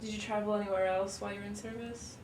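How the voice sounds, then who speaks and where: Woman asking interview questions, medium pitch, echoey room. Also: level tone, racing, a little mellow. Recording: roomy echo, faint background noise.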